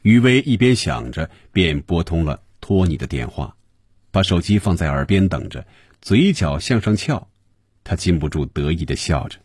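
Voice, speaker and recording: A man narrating a novel in an expressive storytelling manner. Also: sits low, moderate pace, slightly rough, dry recording, clean studio sound. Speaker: audiobook narrator.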